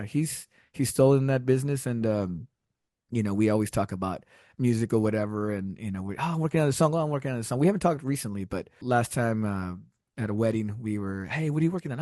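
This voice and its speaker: A middle-aged Texan guest on a podcast, originally a Spanish speaker, rambles through anecdotes and laughs often in a relaxed interview. His voice sits on the low side and sounds mellow. It's a dry, clean studio recording.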